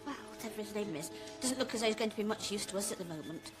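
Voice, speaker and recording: An actress playing a bossy, pretentious female hotel manager who talks briskly and with put-on refinement. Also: mid-range voice, lively intonation, music in the background, natural voice. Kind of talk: sitcom acting.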